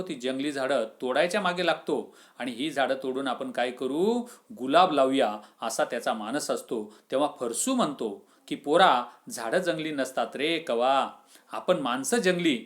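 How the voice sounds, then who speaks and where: A man's voice: a little high, fairly bright tone. A man teaching a school literature lesson, reading lines aloud and then explaining them with questions to the class.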